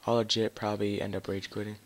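A man's voice: on the low side, little pitch movement, fast talker, a bit bright. A man doing casual live gameplay commentary on a headset mic as a raging gamer, swearing and grumbling in exasperation. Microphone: gaming headset.

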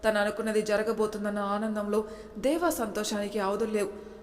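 A woman narrating a serialized story in a steady, dramatic way. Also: medium pitch, fairly quick. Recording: roomy with long reverb.

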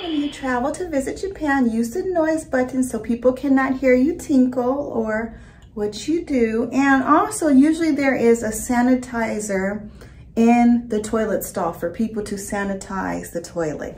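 A middle-aged woman, a travel and food vlogger, chats in a bubbly, upbeat way to her viewers while filming herself on a phone held at arm's length inside a small public restroom. Her voice is fairly high and a little mellow, at a normal speed, with a slight hiss or hum in the audio.

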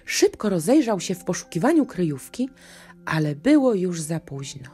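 A woman narrating a children's bedtime story in a gentle, expressive storytelling manner. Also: on the low side, normal speed, husky. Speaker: audiobook narrator. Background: faint music.

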